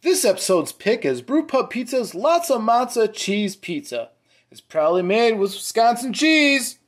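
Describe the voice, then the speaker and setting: A man in his forties hosting a home pizza review show from his dining table. He talks in an easygoing way, asks his son questions, and fills pauses with ums and likes. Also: extremely high pitch, sing-song. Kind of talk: casual food review chat. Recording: roomy home echo.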